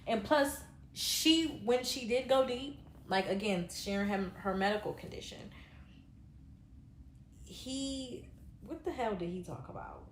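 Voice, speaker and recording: A woman's voice: fairly high pitch, animated, unhurried, reverberant, a little hiss or hum. A woman giving a casual reaction review of a reality show, talking bluntly with lots of fillers and some swearing. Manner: rambling, filler-heavy, blunt and profane.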